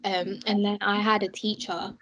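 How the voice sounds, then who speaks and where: Eating snacks in the student union room, a young woman from Bangladesh who leads the student union chats casually and laughs a lot while telling her story. She speaks at normal speed in a medium-pitched, level, fairly bright voice, though the audio is dull.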